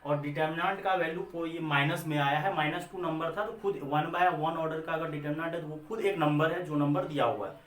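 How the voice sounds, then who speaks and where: Briskly and with hardly any pauses, a man with an Indian accent and a fairly high, fairly bright voice teaches maths, restating points and answering his own questions while calling the class children. There's slight background noise, an echoey room, and a distant mic.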